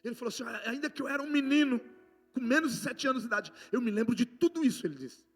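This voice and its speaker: A man with a Brazilian Portuguese accent preaching a sermon, passionate and swinging between loud outbursts and hushed lines. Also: very high-pitched, expressive, fast, soft background music. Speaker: apostle preaching.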